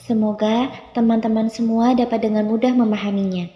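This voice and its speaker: A woman's voice: fairly high pitch, steady tone. Young woman reading a lesson in an echoey room. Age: young adult. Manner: reads steadily, slowing to list letters one by one. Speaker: university student presenting. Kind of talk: read-aloud phonology lesson. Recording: dull lo-fi sound with long room echo.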